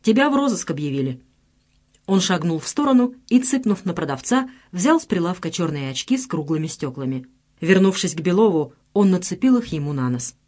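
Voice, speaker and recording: A woman narrating an audiobook with expressive delivery, voicing every character herself. Her pitch is lively and animated, rising and falling through the sentences. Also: brisk. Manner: expressive, reads all characters.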